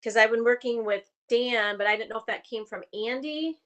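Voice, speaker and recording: A woman's voice: fairly high pitch, moderate pace. A woman joining a panel over a video call, chatty and friendly. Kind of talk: casual video-call chat. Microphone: computer mic on a video call.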